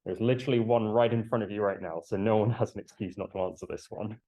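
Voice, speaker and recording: A man lecturing to a class through a face mask while he has a cold, explaining in a halting way and putting questions to students. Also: fairly low pitch, steady tone, warm tone.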